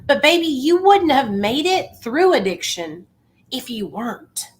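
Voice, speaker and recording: A woman's voice: high voice, very animated, measured pace. A woman giving impassioned, informal motivational talk to viewers, emphatic and insistent, repeating phrases to drive them home. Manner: informal, familiar address. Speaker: livestream host speaking on addiction recovery.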